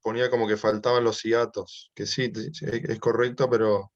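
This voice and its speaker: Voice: medium pitch, little pitch movement, moderate pace. Hesitant student on a muffled call. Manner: hesitant, repeats "sí, sí". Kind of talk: question in online class. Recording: dull lo-fi video call audio.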